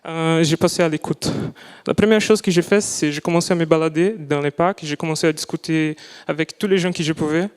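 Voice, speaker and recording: A man's voice: on the high side, fairly even intonation, fairly quick, hardly any pauses, clear, resonant tone. Young man presenting in a reverberant hall. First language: not French. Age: young adult. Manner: careful, searching for words, restarts often. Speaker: student presenting a project. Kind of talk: live presentation talk. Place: lecture hall.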